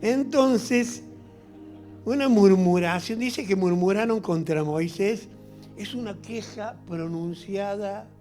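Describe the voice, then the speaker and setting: A middle-aged man with an Argentine accent, preaching a sermon as pastor in an animated, humorous way that acts out little scenes. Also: sits high. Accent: Argentine Spanish.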